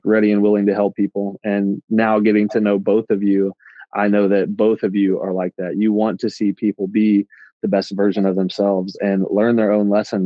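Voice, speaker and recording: A man hosting a podcast, asking his guests questions in a relaxed, conversational way. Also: lowish voice, no echo. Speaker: podcast host. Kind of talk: casual interview. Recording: dull, slightly lo-fi, dry.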